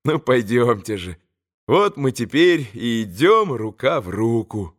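Man voicing a gentle young man, earnest speech, lively rise and fall, slow. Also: mid-range voice. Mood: joyful. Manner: tender, earnest oratory. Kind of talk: audiobook character reading.

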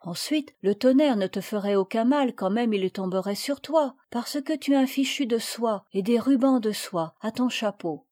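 A woman reading aloud, voicing a calm, gentle mother who explains things patiently to children in a storybook. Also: on the high side, moderate pace, hardly any pauses, lightly acted.

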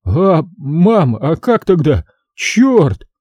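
A man's voice: a little high, sing-song, drawn-out words, a little mellow, husky, no echo, studio quality, pitched above the performer's own voice, heavily acted. A man reading an audiobook, voicing a young soldier who speaks brashly and impatiently, in slang. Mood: agitated. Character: blunt young soldier son.

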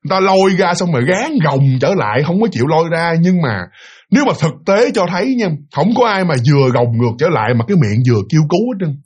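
Animated Southern Vietnamese man telling a story. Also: fairly high pitch, quick pace, husky. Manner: animated, addresses listeners directly. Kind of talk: spoken ghost story.

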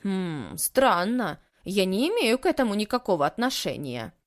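A woman's voice: mid-range voice, sing-song, moderate pace. A proud middle-aged housekeeper, stiff and defensive, bristling with resentment, as the audiobook's reader puts her on. Her answers come clipped and indignant. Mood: guarded. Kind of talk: audiobook character reading.

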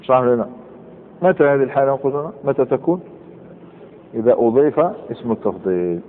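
A man teaching grammar to a class. He reads examples slowly and quizzes his students as he goes. The recording is narrow and phone-like, with long reverb from a hall. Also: medium pitch, expressive, a little hiss or hum.

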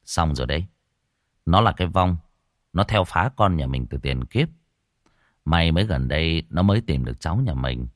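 A man's voice: a bass voice, expressive, moderate pace, pauses often, no room sound, clean studio sound, pitched below the performer's own voice. Man doing a blunt, cursing young exorcist. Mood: brusque. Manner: blunt, brusque.

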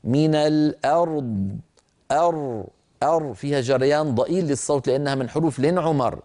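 An older man teaching Quran recitation, patiently explaining and slowly stretching out words to show how they are pronounced. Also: mid-range voice, warm tone. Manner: stretches and repeats words slowly to demonstrate pronunciation; explains patiently, addresses listeners directly.

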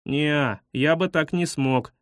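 A man's voice: a little high, slow, a bit bright, clear, resonant tone, dry recording. An earnest, simple schoolboy who answers everything in plain seriousness, voiced by a man reading the story. The voice is close and dry. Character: naive schoolboy, earnest, slow-witted.

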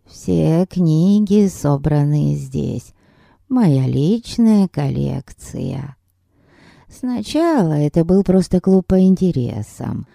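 A woman voicing a frail old grandmother who speaks slowly in a creaky, mumbling voice. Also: deep voice, big pitch swings, dark tone, dry recording, clean studio sound, exaggerated voice. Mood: slow, gruff.

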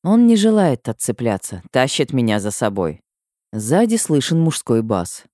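A woman's voice: big pitch swings, unhurried, warm tone, no room sound, studio quality. Woman narrating a first-person audiobook. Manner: emotional reading with sudden high cries.

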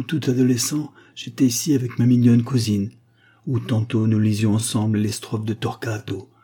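A man's voice: lowish voice, dark tone, breathy edge. A man voicing an impulsive young Venetian captain in an audiobook reading, with a fervent, emotional delivery.

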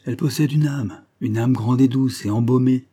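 A man voicing a young idealistic prince who speaks in a curiously calm, cold and even voice in a storybook reading. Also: mid-range voice, moderate pace, husky, lightly acted. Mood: earnest.

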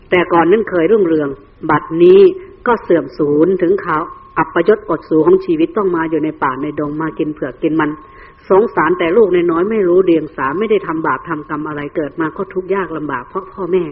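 A man's voice: high voice, breathy edge. A man, a Buddhist monk telling a story in a sermon and acting out the figures. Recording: tinny phone-like recording.

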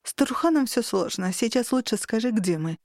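A woman voicing a sarcastic, sharp-tongued female monster with claws in an audiobook, mocking and tart. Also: a little high, expressive, brisk, dry recording, studio quality. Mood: tired. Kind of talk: audiobook character reading.

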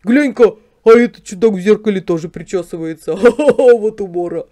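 A woman's voice: medium pitch, animated, unhurried, mellow. A woman voicing a naive, simple male yard dog who keeps asking puzzled questions, read as a storybook character. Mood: excited.

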